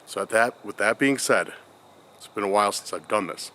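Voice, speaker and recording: This paranormal vlogger has a lowish, sharp voice and speaks a little fast, stuffed up from a cold as he chats to camera outdoors among the trees. His talk meanders with many fillers and restarts, over slight background noise.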